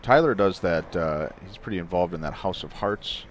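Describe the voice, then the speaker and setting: A man with a very low, deep voice handles commentary with a dry, joking edge, feeding his partner questions. Clear background noise from the venue sits behind him. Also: normal speed. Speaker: play-by-play commentator. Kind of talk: live sports commentary.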